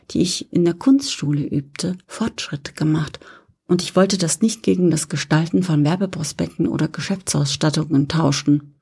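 Female storybook narrator, low warm voice, hushed delivery. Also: slightly rough. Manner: soft, often drops to a near whisper. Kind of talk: scripted narration.

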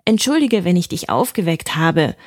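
A woman voicing a friendly, chatty male mouse who travels the world, with a surprisingly loud, high voice. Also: expressive, moderate pace, no room sound, studio quality. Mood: friendly eager.

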